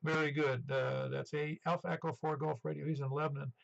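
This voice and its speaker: Man in his seventies, gravelly fry, slightly raised pitch, muffled two-way radio, net controller, rambling casual check-in talk. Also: level tone, brisk. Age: 70s. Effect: two-way radio transmission. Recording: dull band-limited ham radio audio.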